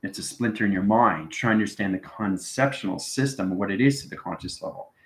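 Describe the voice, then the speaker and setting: In an echoey room, a man with a fairly low voice talks briskly while hosting a live stream and answering viewers. He rambles through a spiritual explanation in an instructional manner, often checking in with "okay" and "right."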